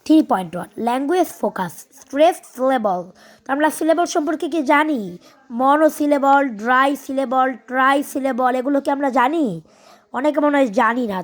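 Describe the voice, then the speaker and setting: Lady teacher with a high voice, talks kids through a lesson, slow careful reading, lots of uhs. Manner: slow, careful when reading English, hesitant with fillers. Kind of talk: recorded video lesson.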